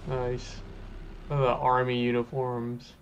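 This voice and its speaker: A man in his thirties from Hawaii hosts a casual reaction video, talking at a webcam from a home room lined with sneaker shelves. His mid-range voice moves at a measured pace, and he's chatty, excitable and full of fillers. The highs are cut off, and soft music plays in the background.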